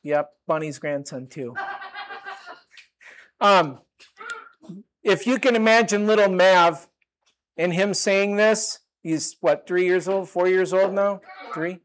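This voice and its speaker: An older man giving a sermon, talking in a relaxed conversational way with asides and restarts. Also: high voice, takes it slowly, long pauses. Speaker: pastor.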